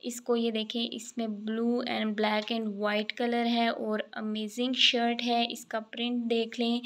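A woman talking through an unboxing of a dress set, chatty and enthusiastic as she shows each piece. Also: fairly high pitch. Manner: chatty, enthusiastic sales talk. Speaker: fashion vlogger. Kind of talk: product unboxing voice-over.

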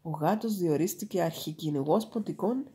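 A woman reading a fairy tale aloud in a calm, measured storytelling manner. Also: on the low side.

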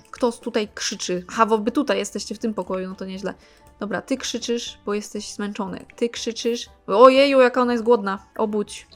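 A young woman commenting on her gameplay in a casual, exasperated way, scolding the characters on screen with sarcastic asides. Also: on the high side. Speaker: gaming channel host.

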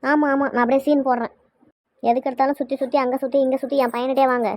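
A woman voicing a bossy, quick-tempered mother in a cartoon, scolding nonstop, with a Kanyakumari Tamil accent. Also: high voice, little pitch movement, darkish tone, no echo, clean studio sound, natural voice. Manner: scolding, rapid-fire.

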